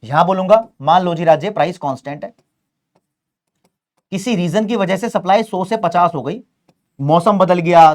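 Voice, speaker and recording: Man teaching an exam-revision class. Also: fairly high pitch. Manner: explains step by step, checks in often with "right?" and "dekho ji"; repeats key terms for emphasis. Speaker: commerce teacher. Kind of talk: online exam-revision lecture.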